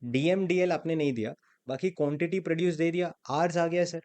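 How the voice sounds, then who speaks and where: A fairly high-pitched male voice, steady and darkish in tone, moving a little fast. He teaches an accounting class in Hindi sprinkled with English terms, quizzing students and prompting them to answer aloud in a call-and-response lecture.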